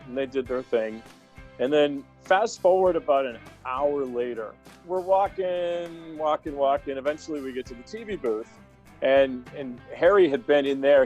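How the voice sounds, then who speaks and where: A man's voice: medium pitch, moderate pace, a little mellow, lo-fi sound, soft background music. A man telling a casual anecdote, with many fillers as he goes. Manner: chatty, filler-heavy storytelling. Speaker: guest.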